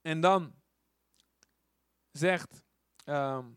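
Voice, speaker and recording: Male preacher, informal and animated, fond of rhetorical questions, dry close sound. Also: fairly high pitch, extremely slow, clean tone, no room sound. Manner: animated storytelling with acted quotes. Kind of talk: conversational sermon.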